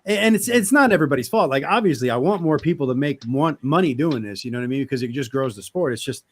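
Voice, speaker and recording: A middle-aged American man chatting casually in a blunt, animated way with plenty of swearing. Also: mid-range voice, quick pace, breathy edge. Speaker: participant in arm wrestling live chat. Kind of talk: casual chat.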